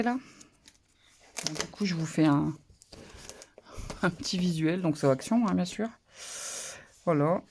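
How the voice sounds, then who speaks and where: Gravelly, mellow papercraft vlogger. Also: mid-range voice, a little hiss or hum. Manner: relaxed, chatty, lots of small hesitations. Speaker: papercraft channel host. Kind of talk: casual haul show-and-tell.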